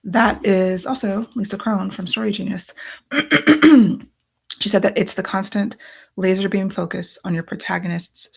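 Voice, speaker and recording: Woman author, casual think-aloud vlog, voice going hoarse, raspy with fry. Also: mid-range voice. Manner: thinking aloud, reading quotes from cards. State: losing her voice. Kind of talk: casual talk-through of writing process.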